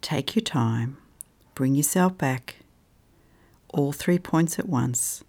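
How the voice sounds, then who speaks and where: Calm and soft, this guided meditation is led by a mid-range voice that leaves long silences and at times slips into a quiet whisper.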